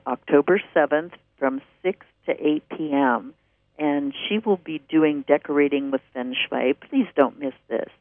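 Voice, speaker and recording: Speaking in a fairly high voice, this radio host chats and rambles eagerly, pitching classes and articles in a loose promotional way. No room sound comes through; the audio is dry, narrow and resembles a phone line.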